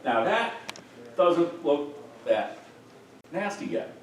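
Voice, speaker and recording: A middle-aged man instructing a group in a hands-on demonstration, relaxed and joking as he works. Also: a little high, slow. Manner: relaxed, jokey, talks while working. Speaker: first aid instructor. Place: room with participants. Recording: echoey room, distant mic, noisy.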